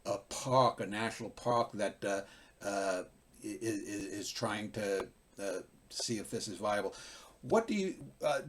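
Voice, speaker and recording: A man's voice: medium pitch, a little hiss or hum. A man hosting a video-call interview, asking long questions with many uhs. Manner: measured, filler-heavy questioning. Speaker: interview host.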